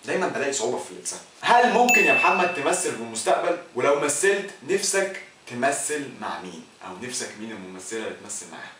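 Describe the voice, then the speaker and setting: Fast, lively young Egyptian man joking. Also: mid-range voice, very echoey, distant mic, a little hiss or hum. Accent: Egyptian Arabic. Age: young adult. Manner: jokey, jumps between mock-serious mumbling and loud outbursts. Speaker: comedy YouTuber. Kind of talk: comic Q&A vlog.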